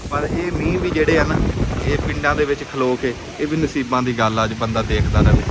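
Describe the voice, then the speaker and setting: A man with a Punjabi accent chatting casually as a vlog host, in a wistful, reflective way. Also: mid-range voice. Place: outdoors in a rainy village. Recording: noisy outdoor vlog with vehicle and ambient noise.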